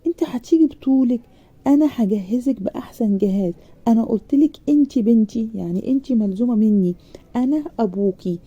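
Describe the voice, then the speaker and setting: A woman's voice: a little high, fast, slightly rough, dull audio. A woman doing a fatherly older Egyptian man. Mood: reassuring. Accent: Egyptian Arabic. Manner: warm, fatherly, insistent.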